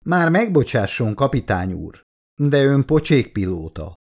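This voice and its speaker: A man's voice: mid-range voice, big pitch swings, voice pushed up. A man reading an audiobook, voicing a nervous, loyal male pilot who talks tensely but politely. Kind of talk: audiobook character voice.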